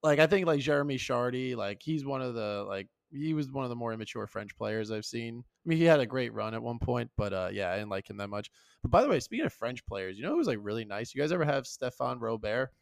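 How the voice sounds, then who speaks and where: A young man co-hosting a podcast, chatting casually and telling jokey, animated stories. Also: mid-range voice, fast talker, creaky, no echo, clean studio sound. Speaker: podcast co-host. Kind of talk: casual chat.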